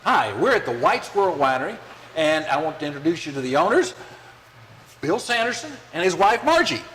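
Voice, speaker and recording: A man's voice: a little high, big pitch swings, a little fast. A man hosting a show and interviewing people in an upbeat, presenting way. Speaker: show host. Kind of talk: hosted tour interview.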